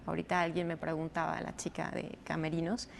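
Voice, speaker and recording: A woman rheumatologist, explaining a disease in measured interview answers with frequent fillers. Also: deep voice, monotone, vocal fry. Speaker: rheumatologist guest. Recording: faint background noise.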